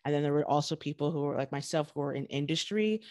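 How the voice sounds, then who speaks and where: A woman's voice: deep voice, fast talker, darkish tone. A woman in her thirties speaking casually and upbeat as a panelist, with many ums, into a studio mic at home. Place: home room with podcast mic. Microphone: studio mic on arm.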